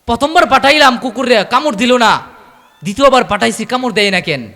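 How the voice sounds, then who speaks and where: An angry dog owner scolds his dog with long, drawn-out calls that climb in insistence, as a man preaching puts him on. The voice sits fairly high and. It rings through a sermon hall sound system with a long reverb. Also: a bit bright, clear, resonant tone. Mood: puzzled.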